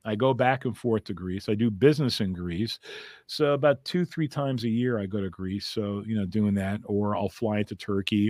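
A man's voice: lowish voice, a little mellow, no room sound, studio quality. A man who is a comedian, talking in a casual interview in a rambling, chatty way and laughing often. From United States. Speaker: comedian guest.

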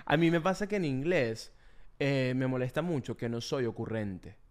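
A man's voice: mid-range voice, normal speed. A young man with a Venezuelan accent, co-hosting a casual podcast chat and telling stories with jokes and frequent laughs. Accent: Venezuelan Spanish. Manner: joking, storytelling, laughs often. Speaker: podcast co-host.

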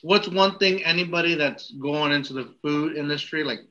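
A man's voice: on the high side, normal speed, bright, forceful tone, highs cut off. A man hosting a casual podcast chat, reading out listener questions and joking along with laughs.

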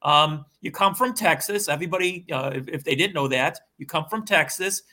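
A man hosting a casual sports interview, chatty and friendly. His voice sits a little high and rings bright and forceful. His questions wander before they land. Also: moderate pace. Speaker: host, former basketball player.

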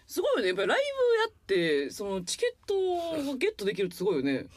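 Lively Kansai woman hosting a podcast. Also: mid-range voice, fast. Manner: steady backchannels, leads the segments. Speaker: comedy podcast co-host. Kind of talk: casual chat.

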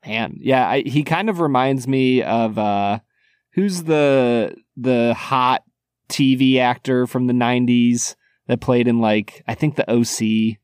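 A man's voice: medium pitch, darkish tone, clean tone, dry recording, studio quality. Teasing man on a casual podcast. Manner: teasing, quick, chuckling. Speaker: podcast co-host. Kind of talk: casual chat about film.

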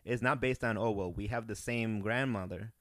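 A man's voice: fairly low pitch, moderate pace, no room sound, clean studio sound. Peru-born man telling rambling stories. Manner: rambling, animated storytelling with restarts. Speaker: guest comedian. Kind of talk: casual podcast chat.

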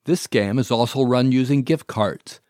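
A man hosting a show, reading a scripted narration in a measured, wry way. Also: mid-range voice, darkish tone, no room sound, clean studio sound. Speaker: host.

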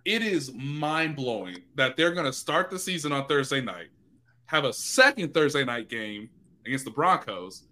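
A man talking as a sports reporter guest in a casual podcast chat, animated and excitable, jumping up in pitch for emphasis. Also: moderate pace.

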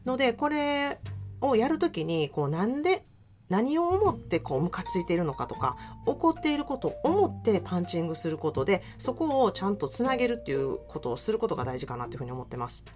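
A woman with a Kansai Japanese accent hosting a solo self-care podcast, talking softly and reflectively with many fillers. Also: mid-range voice, big pitch swings, fast talker, music in the background. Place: California.

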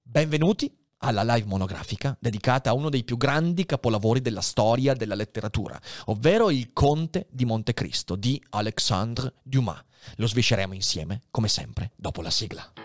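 A man hosting a literary podcast, explaining in a measured way with occasional hesitant fillers. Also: medium pitch, expressive, no echo, studio quality. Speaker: podcast host.

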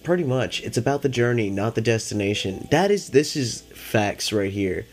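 A man who is high, chatting casually as a solo podcast host in a laid-back, rambling, slangy stoner manner with plenty of swearing, music behind him. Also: animated, moderate pace. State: high on cannabis.

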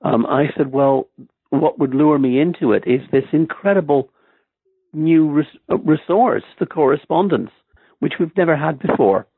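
A man's voice: a little high, normal speed, vocal fry, slightly rough, no echo. A man with an Irish accent, a historian being interviewed on a podcast, who talks in a hesitant way with many ums and restarts. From Ireland. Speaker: guest historian. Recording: tinny phone-like line.

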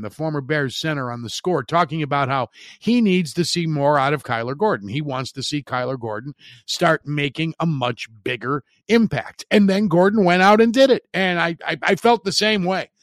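A man's voice: a little high, a bit bright, no room sound, clean studio sound. A middle-aged man giving blunt, opinionated sports commentary, stressing points by repeating words.

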